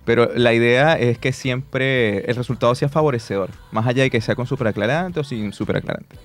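A man's voice: medium pitch, brisk, soft background music. A young man in his twenties, a hair salon owner, explaining upbeat in a radio interview. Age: 20s.

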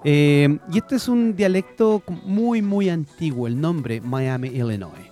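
A man's voice: fairly high pitch, lively intonation, unhurried, warm tone, soft background music. A man with a Chilean accent co-hosting a radio show, chatting casually and eagerly explaining while switching between Spanish and English. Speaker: radio co-host. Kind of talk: casual bilingual radio chat. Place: radio studio.

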